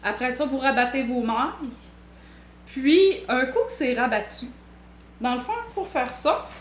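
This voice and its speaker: A woman's voice: high voice, a little slow, echoey room, a little hiss or hum. A woman with a Québécois accent hosting a knitting vlog, chatting casually in a rambling, playful way with jokey asides. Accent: Québécois French.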